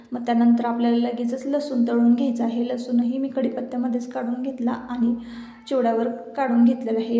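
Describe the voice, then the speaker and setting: A woman's voice: fairly high pitch, mellow, echoey room. A middle-aged woman with a Marathi accent, chatting homely as she talks viewers through a home cooking recipe. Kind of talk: casual recipe voice-over.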